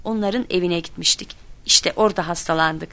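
A woman reading a children's story aloud, told as letters between friends, with lively voices for the people in it. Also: brisk. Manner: lively, voices quoted children and teachers with raised pitch. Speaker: narrator reading a children's book.

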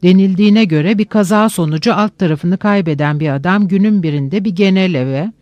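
A man with a high-pitched voice narrates a literary audiobook, measured and reflective with slow pauses. The sound is dry and close to the mic, with no room around it. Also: a little mellow, dry recording, lo-fi sound.

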